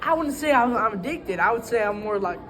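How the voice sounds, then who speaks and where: A young woman improvising a mock interview, deadpan and stammering. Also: a little high, a little fast, background noise. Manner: deadpan, stammering, breaks into laughter. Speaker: interviewee in a comedy skit.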